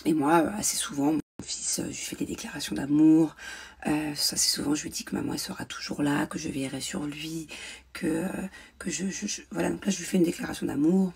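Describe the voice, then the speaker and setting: A woman's voice: low voice, steady tone, brisk, creaky, a little mellow, slightly rough. A young woman telling a personal story in a vlog, hesitant with many fillers and restarts. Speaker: mother vlogger. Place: indoors at home, ring light.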